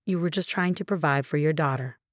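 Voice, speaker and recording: A caring, worried man, as a woman narrator puts him on, speaking gently and softly. Her voice sits low for a woman. The recording is dry and close. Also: a little fast, no echo, lightly acted. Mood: concerned. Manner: soft, gentle. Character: concerned caring adult man, gentle friend.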